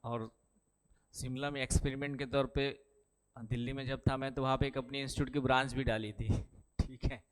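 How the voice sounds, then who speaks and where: Man, middle-aged, teacher, lecture with stories, smooth clear voice, average pitch. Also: level tone, fairly quick. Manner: chatty, asks the class questions; keeps saying "ठीक है" and "है ना".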